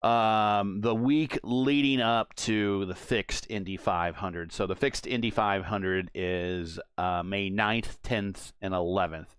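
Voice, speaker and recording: A man's voice: lowish voice, fairly even intonation, takes it slowly, few pauses, a bit bright, clear, resonant tone, no room sound, clean studio sound. A man co-hosting a sim racing broadcast, chatting casually and explaining things in a laid-back way. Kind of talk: casual podcast chat.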